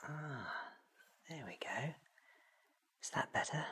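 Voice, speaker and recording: A man's voice: a little high, animated, slow pace, bright, forceful tone, a little hiss or hum, full character voice. A man in his thirties playing an eccentric, curious, ancient alien time traveller, theatrical and wordy, in a close-miked ASMR roleplay. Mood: focused, tinkering. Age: 30s. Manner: theatrical, wordy, self-assured. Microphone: close sensitive microphone.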